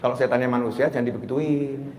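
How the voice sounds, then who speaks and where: Animated male preacher in an echoey hall. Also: medium pitch, fast, slight background noise. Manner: animated, swings from loud calls to hushed asides. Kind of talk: Islamic sermon.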